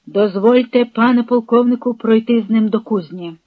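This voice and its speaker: Reader plays a big, gruff, menacing Cossack; dry, lo-fi audiobook. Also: mid-range voice, normal speed, no room sound, natural voice. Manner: blunt, gruff threats. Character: burly Cossack, blunt and menacing. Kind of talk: audiobook reading with character voices. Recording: dry, dull lo-fi recording.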